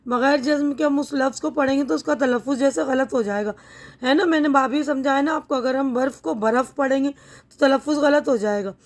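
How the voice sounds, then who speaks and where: High-voiced patient woman teacher. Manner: patient, repeats words slowly, checks understanding. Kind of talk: textbook lesson explanation.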